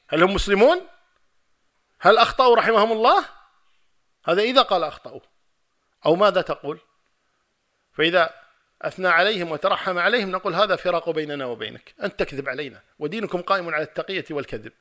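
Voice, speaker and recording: A man delivers a religious lecture in a high, bright voice and talks at a brisk pace. He acts out a past debate as back-and-forth dialogue, stacking one forceful, repeated line on top of another. Between these runs he answers questions from the audience. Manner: emphatic, retells a debate in dialogue and builds to forceful repeated points. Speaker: Islamic scholar giving a lecture.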